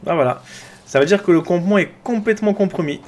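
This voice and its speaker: A man with a French accent doing chatty, excitable let's play commentary, talking to his viewers and to his own character. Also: high voice, quick pace. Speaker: gaming YouTuber.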